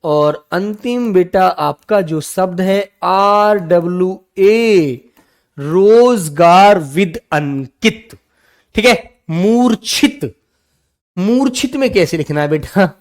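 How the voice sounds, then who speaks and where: High-voiced man dictating a spelling class. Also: lively intonation. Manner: dictates words slowly, repeating each one; calls students "बेटा" and "मेरे बच्चों". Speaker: teacher.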